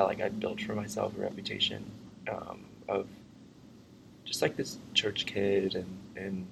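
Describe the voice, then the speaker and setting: Young male podcast co-host from Vietnam, low gravelly voice, casual halting telling, faint background hiss. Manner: halting, many fillers and restarts, laughs often. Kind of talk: casual testimony chat.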